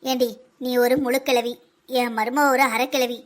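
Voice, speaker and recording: A woman doing a squeaky old village mother-in-law. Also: level tone, normal speed, close to an everyday voice. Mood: scolding. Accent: southern Tamil Nadu. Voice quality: high, girlish voice for her age. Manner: teasing, bossy scolding. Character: bossy chatty older village mother-in-law. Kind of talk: village comedy cartoon dub.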